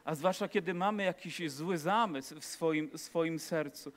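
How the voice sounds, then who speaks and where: A man delivering a sermon in a slightly high voice, mixing Bible stories with jokes and questions put to his listeners. His words echo through a large church hall with a long reverb. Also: measured pace. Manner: storytelling with humor and rhetorical questions to the congregation. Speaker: preacher.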